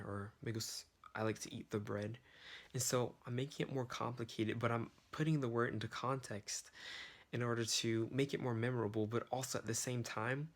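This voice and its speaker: A man's voice: fairly low pitch, gravelly, fairly bright tone. A man giving casual, loosely worded language-learning tips to camera, talking in a conversational way. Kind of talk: casual instructional talk to camera.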